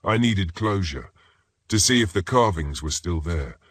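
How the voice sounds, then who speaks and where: A man narrates first-person horror stories in a steady, ominous, scripted read. His voice is very deep with a husky edge. The recording is close and dry, with no room sound. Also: a little slow, no echo.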